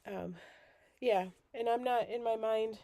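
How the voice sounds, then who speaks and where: A woman's voice: on the high side, fairly even intonation, a little slow, mellow, dry recording. A woman hosting a casual crafting livestream while groggy and sick with a cold, chatty and rambling. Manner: rambling, chatty, self-deprecating.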